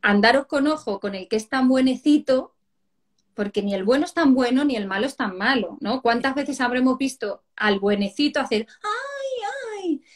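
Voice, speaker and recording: A woman from Spain with a slightly high voice talks through parenting problems on a live stream. She tells lively stories and acts out the quoted parents and children as she goes. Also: moderate pace. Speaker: parenting educator.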